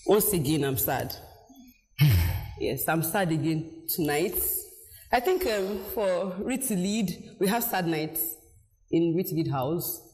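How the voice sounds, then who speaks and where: A woman's voice: on the low side, lively intonation, takes it slowly, a little mellow. A woman co-hosting a stage show, solemn and drawing out the suspense. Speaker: show co-host. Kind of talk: stage presenting. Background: faint music.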